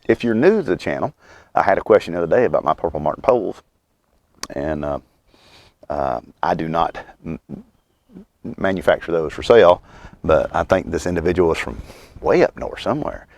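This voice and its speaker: A man in his mid fifties with a Southern US accent, chatting in a folksy, unhurried, wryly humorous way around a pipe as he hosts a rambling outdoor vlog. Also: low voice, lively intonation, darkish tone, no echo. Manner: talks while puffing on a pipe. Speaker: host of a homestead and birdwatching channel. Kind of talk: rambling casual vlog chat.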